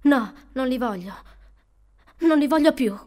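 A woman puts on a terrified little boy in an audiobook, crying out in a shrill, frantic voice. His voice sits high and lifts above the surrounding narration. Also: animated, unhurried, a little mellow. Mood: sulky. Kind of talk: audiobook character voice.

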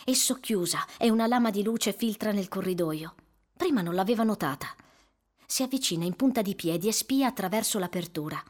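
A woman narrating a suspenseful audiobook in a measured, dramatic storytelling manner. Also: medium pitch, expressive.

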